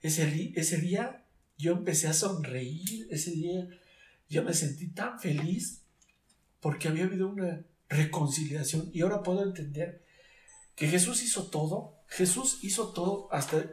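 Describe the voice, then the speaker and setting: A man's voice: sits high, moderate pace, darkish tone, a little hiss or hum. A man giving an emotional personal testimony, earnest and searching, often restarting his sentences. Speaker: guest giving a faith testimony. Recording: echoey room, distant mic.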